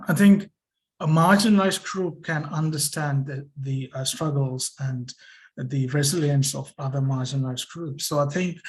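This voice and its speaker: A man speaking at an online panel in an earnest, halting way with many fillers. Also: mid-range voice, poor audio. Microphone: video call.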